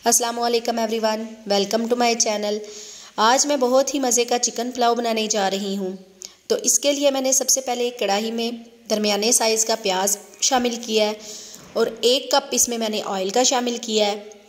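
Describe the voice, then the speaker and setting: Woman with an even, flat delivery. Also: fairly high pitch, normal speed. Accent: Pakistani Urdu. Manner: steady step-by-step explaining with frequent fillers. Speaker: cooking channel host. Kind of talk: recipe voice-over narration.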